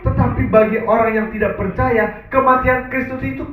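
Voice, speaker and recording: Pastor preaching in a very echoey church. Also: male voice, extremely high pitch, normal speed. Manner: lively, acts out quoted dialogue, addresses congregation often. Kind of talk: sermon with storytelling. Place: church hall. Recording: very echoey church hall, distant mic.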